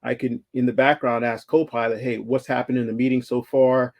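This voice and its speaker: Presenting slides at a virtual summit, this conference speaker keeps things relaxed and conversational, full of fillers and restarted sentences. His mid-pitched voice has a gravelly, creaky quality, comes through a call microphone, and moves a little fast.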